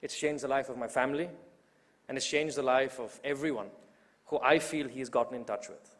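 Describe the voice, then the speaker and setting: A man's voice: medium pitch, fairly quick, a bit bright. A man in his twenties giving a rousing, emphatic public speech at a political event, building his points through repetition. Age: 20s. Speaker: youth organizer introducing the main speaker. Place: large event hall. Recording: long hall reverb.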